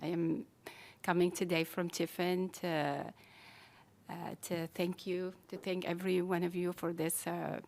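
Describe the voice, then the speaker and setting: A woman's voice: lowish voice, little pitch movement, measured pace, a little mellow. A woman from Algeria giving a hesitant public comment of thanks at a city council meeting, often restarting her sentences.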